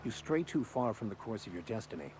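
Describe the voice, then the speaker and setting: Sorry ex-con in a game, earnest and thoughtful, low voice, music under it. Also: male voice, sing-song, brisk. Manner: earnest, reflective. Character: remorseful man, former prisoner, philosophical. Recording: game audio over clear music.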